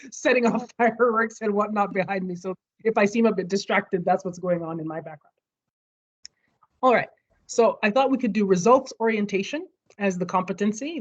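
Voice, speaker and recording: A woman leading an online study group over a video call, explaining a topic and checking in with everyone. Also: medium pitch. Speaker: study session leader. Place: home near street fireworks. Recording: muffled video call audio.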